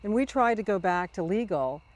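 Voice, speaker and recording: An interview host asking questions in casual, chatty talk, with quick supportive replies. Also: medium pitch, animated.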